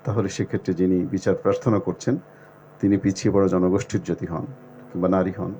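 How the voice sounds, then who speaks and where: A man speaking as an expert guest in a discussion, explaining point by point in a formal, deliberate way with halting pauses. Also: low-pitched, flat delivery, dark tone, a little hiss or hum. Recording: muffled lo-fi audio with music behind. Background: music.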